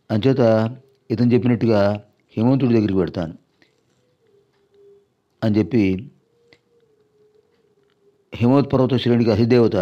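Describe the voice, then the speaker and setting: Low mellow guy doing a slow explain-as-he-goes religious story talk, kinda muffled recording. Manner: measured, explanatory retelling with pauses. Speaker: religious discourse speaker. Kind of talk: devotional storytelling discourse.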